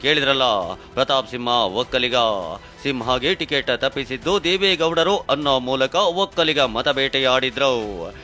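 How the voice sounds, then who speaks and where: Bright-voiced man reading dramatic news. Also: mid-range voice, unhurried, soft background music. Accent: Kannada. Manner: dramatic, punchy delivery. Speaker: news reporter. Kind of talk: scripted news voice-over.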